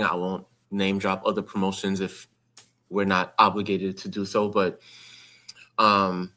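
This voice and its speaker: A man's voice: deep voice, pushed and bright. A man hosting a podcast in casual conversation. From New York. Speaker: podcast host. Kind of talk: casual chat.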